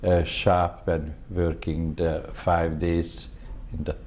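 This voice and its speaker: A Hungarian-accented man in his seventies speaks English slowly in a very low, dark, mellow voice. He halts often and searches for words, and he stays polite throughout. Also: flat delivery, a little hiss or hum. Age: 70s. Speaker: veteran interviewee. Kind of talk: oral history interview.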